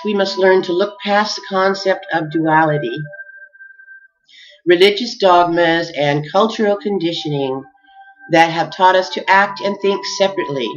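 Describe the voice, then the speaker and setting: A woman giving an earnest, heartfelt spiritual message, measured and addressing her listeners warmly as beloveds. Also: on the low side. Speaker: spiritual speaker. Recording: dull lo-fi recording with faint music.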